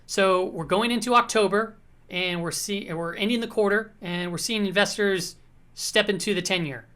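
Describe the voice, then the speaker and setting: Her voice medium-pitched, a bit bright and slightly hoarse, a woman talks through market charts at normal speed in a relaxed commentary, frequently checking in with viewers.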